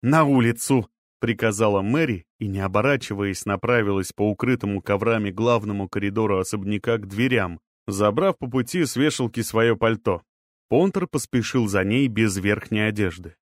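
Steady male audiobook narrator. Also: lowish voice, moderate pace, dry recording. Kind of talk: scripted narration.

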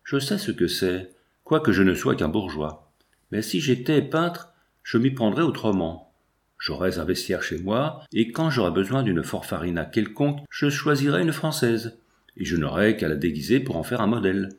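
A man's voice: on the low side, big pitch swings, normal speed. A man reading as a blunt, pompous bourgeois father. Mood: emphatic. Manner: opinionated, emphatic.

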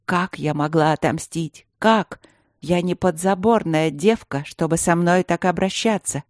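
A woman reading a novel aloud, voicing a desperate, furious queen who shouts and sobs accusations at her husband. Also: fairly low pitch, a little slow, no room sound, studio quality, natural voice. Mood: bitter.

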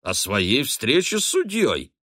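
Effusive matchmaking mistress, high and lively, read by a man. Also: a little slow, no echo, studio quality, exaggerated voice. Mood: excited gushing. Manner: effusive, fussy, teasing. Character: gushing middle-aged lady, matchmaking mistress.

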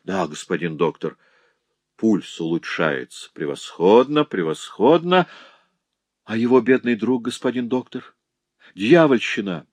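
A man reading an audiobook, voicing a rough, big-hearted male knife-fighter who blurts out eager exclamations. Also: lowish voice, animated, a little slow, no room sound. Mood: excited.

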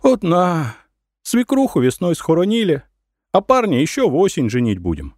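A high, sing-song peasant woman, as a man puts her on in an audiobook, drawling her folk speech with loud, lively swoops. She sounds dry and close. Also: normal speed, dry recording. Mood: chatty. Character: plain-spoken peasant woman at an inn.

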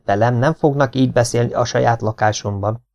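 A man voicing a flustered man who shouts, trying to stop a family argument. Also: mid-range voice, dry recording, close to an everyday voice. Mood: shouting. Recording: dull lo-fi recording.

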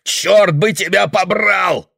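A man's voice: low-pitched, unhurried, no room sound, clean studio sound. Man doing a choked, seething father. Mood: furious. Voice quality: tight, choked voice. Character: strained grown man, furious father pushed too far.

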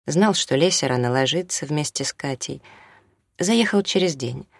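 An audiobook narrator reading prose fiction in a calm, measured way. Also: mid-range voice, vocal fry, no room sound, clean studio sound. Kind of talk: scripted narration.

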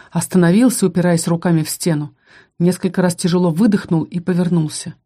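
An audiobook narrator reading a first-person fantasy romance novel in a calm, measured storytelling manner. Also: mid-range voice, breathy edge.

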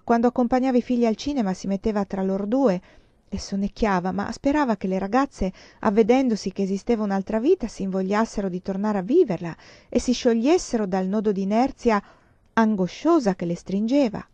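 A woman reading a novel aloud in a measured way, in a dull lo-fi recording. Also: mid-range voice, warm tone, no echo. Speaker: audiobook reader. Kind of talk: literary audiobook narration.

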